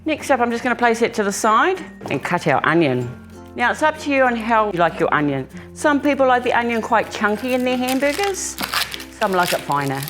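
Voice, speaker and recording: A woman with a New Zealand accent hosts a home cooking demonstration, talking casually to viewers as if they were family. Her voice is fairly high and very animated at a fairly quick pace, heard over music.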